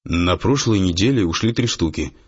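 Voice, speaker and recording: A man voicing a reserved, calm male businessman who answers in a measured way. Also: low-pitched, breathy edge. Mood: guarded. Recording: dull lo-fi audiobook, faint music.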